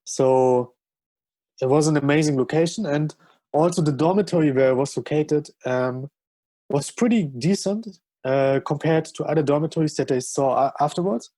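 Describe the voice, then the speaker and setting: A German-accented man chats as a podcast guest with real enthusiasm. His voice is a little high yet mellow. The recording is dry and close. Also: normal speed, no room sound. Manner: enthusiastic, frequent fillers. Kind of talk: casual chat.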